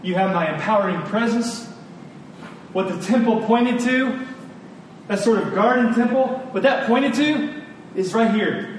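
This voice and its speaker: A man preaches a sermon to a congregation in a large room, unhurried, emphatic and informal, repeating phrases for stress and tossing colloquial asides to listeners. The recording is echoey, with a distant mic and a faint rumble.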